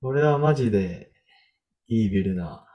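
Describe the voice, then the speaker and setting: A man with a fairly low, mellow voice hosts a podcast in a relaxed chat. He thinks aloud as he talks and leans on loose fillers. His delivery stays easygoing and conversational. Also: moderate pace. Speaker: podcast host.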